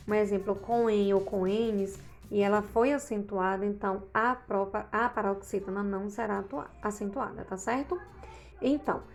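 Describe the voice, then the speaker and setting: Her voice sits in the mid-range with a darkish tone as this Portuguese teacher explains grammar from her slides. Tag questions come up frequently as she checks that students are following.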